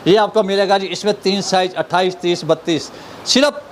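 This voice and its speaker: High-pitched salesman, eager pitch. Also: normal speed. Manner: insistent, repetitive showman-like patter. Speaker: wholesale clothing seller. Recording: clear background noise.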